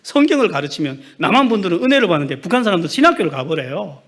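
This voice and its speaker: A man's voice: high voice, sing-song, very fast, fairly bright tone. A man giving an emphatic testimony sermon as a missionary preacher, putting rhetorical questions to the congregation.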